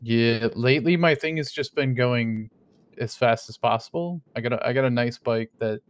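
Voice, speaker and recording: A man's voice: medium pitch, moderate pace, clear, resonant tone, dry recording. A man voicing his roleplay character in casual chat, rambling with many fillers and joking in a mock-innocent way. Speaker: streamer playing a roleplay character.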